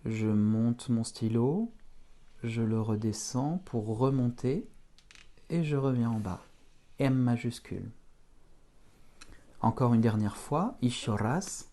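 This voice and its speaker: A man teaching beginners to write letters, talking them slowly through each stroke. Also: medium pitch, dark tone. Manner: slow, step-by-step instruction. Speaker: Russian teacher. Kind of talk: handwriting lesson for beginners.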